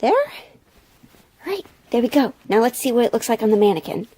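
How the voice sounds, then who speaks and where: A woman with a slightly high, sing-song voice that carries a dark tone talks fairly fast while walking viewers through a sewing project. The audio is a little rough, and as a vlogger she keeps things chatty, informal and lightly profane, with some voice-over.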